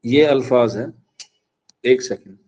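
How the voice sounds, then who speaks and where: A man's voice: mid-range voice, a little mellow. A man teaches an exam-prep class in a medium voice. He poses questions to his students and says key lines over and over so they can write them down. The recording sounds dull and lo-fi. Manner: repeats key phrases slowly for dictation; asks the class questions then answers them.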